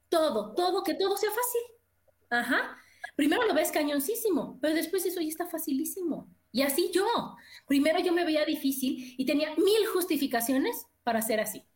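High-voiced Mexican woman, echoey room. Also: moderate pace. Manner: animated, acts out quoted voices. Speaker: guest speaker. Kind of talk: casual motivational talk.

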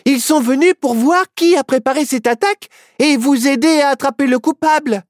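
A storyteller voicing a bold, excited young girl heroine in a children's storybook, talking in an urgent, insistent way. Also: high voice, moderate pace, no room sound, clean studio sound, voice pushed up, natural voice. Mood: eager.

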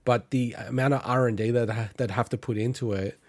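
A man's voice: mid-range voice, brisk, dry recording. An Australian man giving his opinionated take in a casual gaming chat. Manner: opinionated, animated rant. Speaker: podcast co-host.

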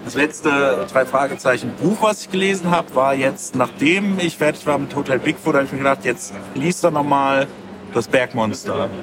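Chatting as an interview guest, this man, who creates graphic novels, thinks out loud in a wandering, casual way. He keeps a medium pitch and a moderate pace, while the busy outdoor book fair makes the background clearly noisy.

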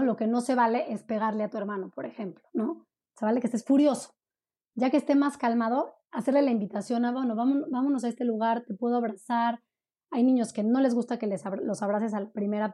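Soft-toned woman explaining parenting. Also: on the high side. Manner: warm explanatory, frequent "¿no?" tags. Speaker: parenting coach guest. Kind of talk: conversational interview.

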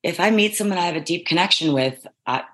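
A middle-aged woman, a guest who appeared as a reality show contestant, chats casually in an interview with a notably deep, low, husky voice. She talks fast and animatedly, a bit bright, in long looping sentences. She's emphatic and self-affirming, piling one thought onto the next.

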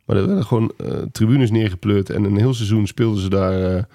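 Mellow, low-voiced Dutch man hosting. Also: fairly quick, dry recording, clean studio sound. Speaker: podcast host. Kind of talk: casual chat.

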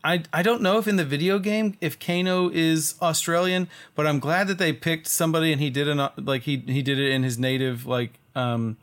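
A man co-hosting a podcast in casual chat, rambling and halting as he searches for words. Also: on the high side, steady tone, a bit bright. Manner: rambling, halting, with many restarts and fillers. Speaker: podcast co-host.

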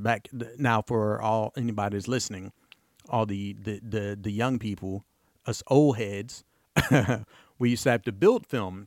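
A man hosting his own podcast in casual solo talk, excitable and rambling, with playful bursts of emphasis. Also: on the low side, no echo, studio quality. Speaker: podcast host.

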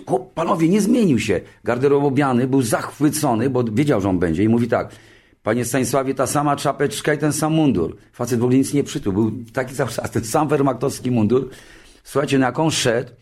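A man in his sixties, a television show creator, telling an anecdote in a lively way. He often restarts his sentences and jumps into higher voices when he quotes other people. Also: slightly rough. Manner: frequent restarts and filler words. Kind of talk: anecdotal storytelling.

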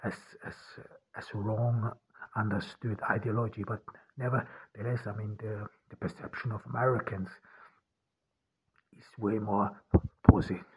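Halting man with a husky low voice. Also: flat delivery, low-quality recording. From Austria. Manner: halting, many repeated words and restarts. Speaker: podcast host and author. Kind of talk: unscripted solo podcast monologue.

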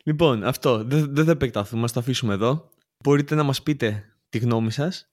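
A man with a plain, mid-pitched voice trades banter on a football podcast. He likes to repeat short phrases for comic effect and talks straight to the listeners. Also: darkish tone. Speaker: podcast co-host. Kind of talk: casual football chat.

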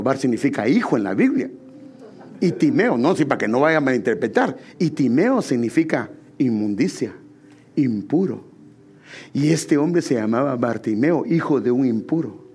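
A man's voice: mid-range voice, a little mellow, breathy edge. A man preaching a sermon, calling his listeners brother and pressing them with repeated questions.

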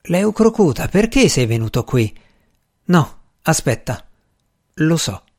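A man voicing a mad, unkempt male magician who speaks in a slow, hushed, menacing whisper. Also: a little high, sing-song, heavily acted. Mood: intense.

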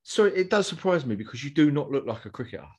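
A man's voice: on the high side, big pitch swings, fast, husky. A man with an Essex accent co-hosting a casual football chat in matey, slangy, colloquial speech. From Essex, England. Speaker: podcast co-host.

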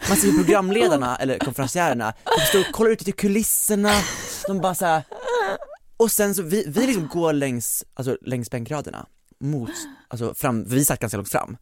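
Lively young woman telling a story. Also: low-pitched, dry recording. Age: 20s. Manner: animated storytelling, acting out quotes. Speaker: podcast co-host. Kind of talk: casual podcast chat.

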